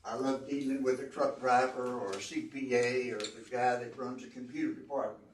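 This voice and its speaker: A man's voice: medium pitch, fairly even intonation, normal speed, a little hiss or hum. An older man gives an earnest, folksy talk about running a business. He repeats key phrases for emphasis. He stands back from the microphone, and his voice rings in a roomy hall. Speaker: guest speaker, entrepreneur. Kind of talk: informal talk to a student audience. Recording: roomy echo, distant mic.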